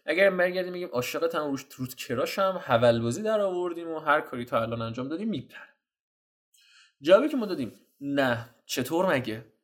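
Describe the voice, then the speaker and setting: Guy coaching about texting girls, slangy and chatty, voice bounces up and down a lot. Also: a little high. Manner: slangy, animated, addresses viewers as "guys". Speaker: dating coach. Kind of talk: casual teaching, reviewing chat screenshots.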